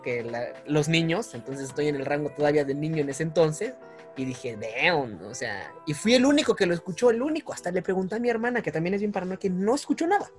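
A young man, telling a story in casual chat, animated, with frequent laughs and restarts. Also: fairly high pitch. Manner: animated, laughs often, many fillers and restarts.

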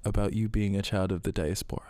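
A man's voice: fairly low pitch, fairly even intonation, fast, background noise. A young adult man hosting a podcast in casual chat, laid-back and joking. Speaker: podcast host.

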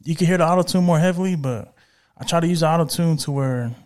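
A man's voice: a little high, fast talker, darkish tone. Laid-back young man, casual chat. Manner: laid-back, frequent "you know what I'm saying". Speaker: musician guest.

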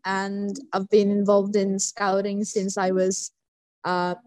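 Slow-spoken young woman from Finland. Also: mid-range voice, monotone, a little mellow, no room sound. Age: 20s. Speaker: scout panelist. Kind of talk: panel introduction.

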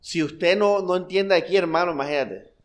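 A man from the preaching a sermon. He speaks with fervent repetition, asks the congregation rhetorical questions, and swings between soft, low passages and loud, high bursts. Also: normal speed. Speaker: pastor. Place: church hall.

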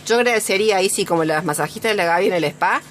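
A woman in her forties with a Rioplatense Spanish accent, telling a story in animated casual chat and acting out the voices of others. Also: mid-range voice, very fast, a little hiss or hum. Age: 40s.

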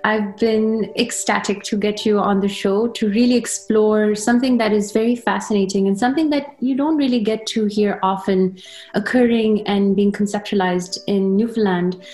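A woman's voice: mid-range voice, steady tone, normal speed, darkish tone. A woman hosting a radio interview show, introducing her guest in an articulate, enthusiastic way. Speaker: host.

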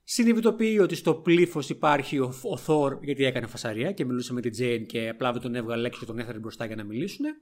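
A man with a Greek accent, co-hosting a podcast and recapping a film in a casual, animated way. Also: mid-range voice, few pauses. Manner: lively storytelling recap with frequent laughs. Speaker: podcast co-host.

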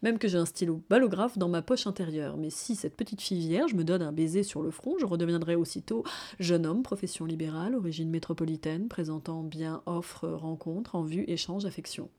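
A woman's voice: on the low side, a little fast. A woman voicing a male wolf who is a cursed engineer, listing his merits like a personal ad. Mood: wooing. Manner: soft, flat, listing like a personal ad.

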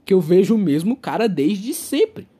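Husky young Brazilian man, lively swearing comic rant. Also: high-pitched, moderate pace. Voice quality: profane, ranting.

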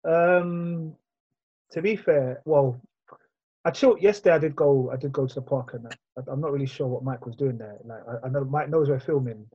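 A man's voice: medium pitch, normal speed, breathy edge, highs cut off. A man with a London roadman accent hosting a casual group chat, slangy and full of questions. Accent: London roadman, multicultural urban slang. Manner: slangy, asks the others questions. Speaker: host leading the chat.

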